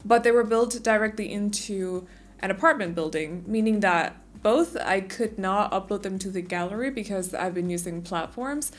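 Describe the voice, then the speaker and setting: A woman, a bit stuffy after losing her voice, chatting casually and rambling through a voice-over for a game build. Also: mid-range voice. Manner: chatty, rambling, many fillers. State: stuffy, recovering from lost voice. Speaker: Sims speed build YouTuber.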